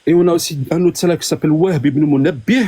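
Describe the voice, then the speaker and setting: A man appears as a guest in a casual live debate, explaining insistently and often doubling back on his words. He talks fast in a steady tone, his voice fairly high, mellow and husky.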